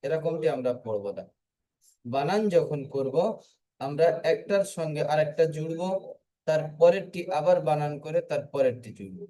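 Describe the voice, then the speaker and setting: A man's voice: a little high, animated, moderate pace, dark tone, rough recording. A man teaching an online Quran reading class, patiently spelling letters aloud and having students repeat after him.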